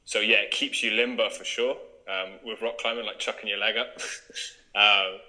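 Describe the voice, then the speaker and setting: A young man with a very bright, forceful tone and a fairly low voice. He chats in a relaxed, upbeat way as a yoga teacher, laughing easily between thoughts. Plenty of ums and restarts. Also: normal speed, rough recording. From Wales. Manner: upbeat, chatty, laughs often, many fillers. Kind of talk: casual interview chat.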